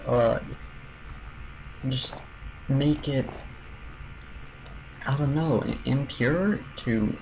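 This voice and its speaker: A man streaming a building game, giving casual commentary and rambling aloud with frequent restarts and soft trailing mutters. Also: mid-range voice, slight background noise, poor audio.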